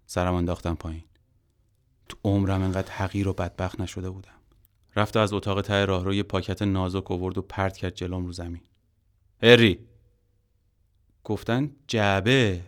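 A man telling a first-person story in a quiet, measured, brooding way. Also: low-pitched.

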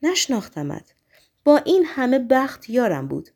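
A woman's voice: fairly high pitch, very animated, creaky, a little mellow, voice pushed up, exaggerated voice. Cold haughty young woman, curt, biting replies, slightly raised voice, read by a woman narrator. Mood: cool, haughty.

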